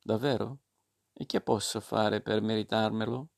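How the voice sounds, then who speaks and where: A man's voice: fairly low pitch, fairly even intonation, unhurried, vocal fry. A man reading aloud and voicing a naughty wooden puppet boy who pleads and promises eagerly to change.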